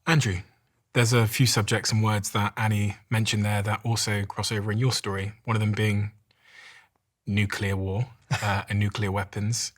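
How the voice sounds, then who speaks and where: A male podcast host who opens an interview by reading statistics in a measured, careful way. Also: on the low side, level tone.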